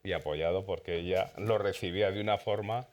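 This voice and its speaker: Low-voiced man with Aragonese accent. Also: a little fast. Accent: Aragonese Spanish. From Zaragoza, Spain. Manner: long explanations with frequent repeated words. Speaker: series creator. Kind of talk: festival press interview.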